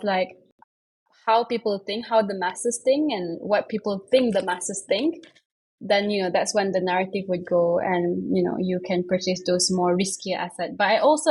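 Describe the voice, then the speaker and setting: Young woman, chatty guest, kinda husky, lots of like and you know. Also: mid-range voice, a little mellow, poor audio. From Malaysia. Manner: chatty, many fillers and self-corrections. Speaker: guest, investment manager. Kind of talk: casual interview chat.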